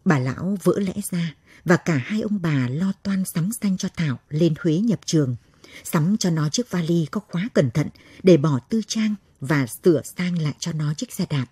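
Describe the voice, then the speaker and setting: A woman narrating a story in a slow, measured reading voice. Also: fairly low pitch, lively intonation, warm tone, breathy edge, dry recording.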